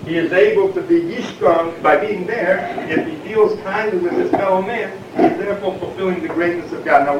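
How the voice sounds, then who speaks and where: A man giving a Torah lecture, explaining verses and asking rhetorical questions, often saying "we'll say" and "I mean". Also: sits high. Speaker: Torah teacher. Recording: echoey, distant, dull and noisy.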